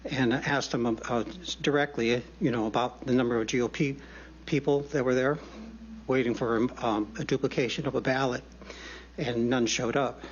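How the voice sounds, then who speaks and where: A man's voice: mid-range voice, fairly even intonation. A man out of breath gives testimony at a public hearing. He halts and restarts often, filling gaps with ums and uhs. The sound is dull and lo-fi, like a hearing room feed. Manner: halting, many fillers and restarts.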